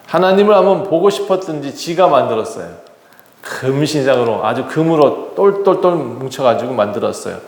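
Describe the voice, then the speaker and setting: A male pastor preaching a sermon, retelling a scripture story with acted dialogue and lively emphasis. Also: on the high side. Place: church sanctuary. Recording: echoey hall reverb.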